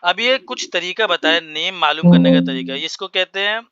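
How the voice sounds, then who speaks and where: A man teaching a spoken English class for Hindi speakers, explaining words slowly and spelling them out. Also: a little high, muffled recording, over loud music.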